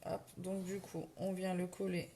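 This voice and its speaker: Over background noise, a middle-aged northern French woman with a Ch'ti accent runs a relaxed live crafting stream at home. Her lowish voice is completely flat at a moderate pace while she chats, self-corrects, and replies to comments.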